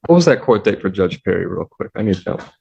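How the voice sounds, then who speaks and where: A male defense attorney addresses the judge deferentially in a very low, creaky voice. The slightly dull recording carries faint noise. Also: big pitch swings, fast talker. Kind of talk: informal but deferential courtroom talk. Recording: muffled audio with faint noise.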